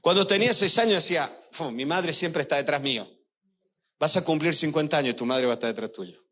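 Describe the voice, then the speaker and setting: A man's voice: on the high side, fast talker, bright, forceful tone. An older man preaching a sermon as a pastor, telling personal stories with emotion and speaking straight to the congregation. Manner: emotional, storytelling, addresses the congregation directly.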